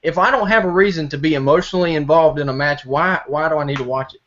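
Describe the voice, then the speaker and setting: A man's voice: on the high side, quick pace, fairly bright tone, a little hiss or hum. A young man appearing as a podcast guest, outspoken and brash in casual chat. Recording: dull lo-fi sound.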